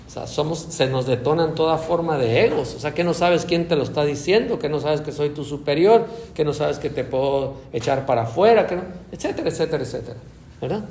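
A man preaching a sermon, dramatic, swinging from soft asides to loud emphatic peaks. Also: on the high side, expressive, fairly quick. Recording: echoey room with faint ambient noise.

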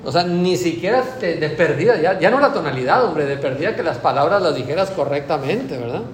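A man's voice: on the high side, expressive, brisk, roomy sound, a little hiss or hum. A male priest giving a conversational sermon, often asking the listeners questions.

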